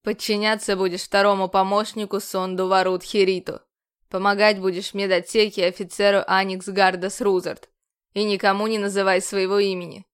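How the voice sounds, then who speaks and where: A woman's voice: mid-range voice, flat delivery, moderate pace, smooth, close to an everyday voice. A woman voicing a stern male alien commander who speaks harshly and curtly. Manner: harsh, clipped, raised voice.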